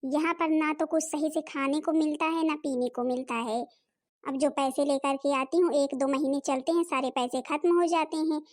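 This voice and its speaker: A woman's voice: high-pitched, steady tone, moderate pace. A woman voicing every figure of a cartoon family drama, from a sweet mother-in-law to scheming and scolding daughters.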